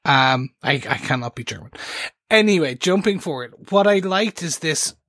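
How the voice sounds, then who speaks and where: A man's voice: on the high side, expressive, moderate pace, fairly bright tone, no echo, studio quality. A man co-hosting a podcast, chatting casually about a TV episode in a rambling, enthusiastic way that keeps restarting. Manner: rambling, enthusiastic, self-interrupting. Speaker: podcast co-host. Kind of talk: casual TV recap chat.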